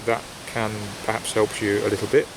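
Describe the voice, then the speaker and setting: Out in the woodland, this man's fairly low voice stays flat and brisk while he reflects in a casual, hesitant, wandering way. He's a pipe-smoking vlogger, captured on basic gear with wind noise and rustling leaves around him.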